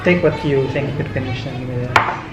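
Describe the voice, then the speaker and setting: A young man talks quickly and casually, teasing as he goes. The room is echoey, with clear dish noise behind him. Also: medium pitch. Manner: teasing, joking. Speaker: sibling joining the challenge. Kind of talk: casual chat. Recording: echoey room with clinking dishes.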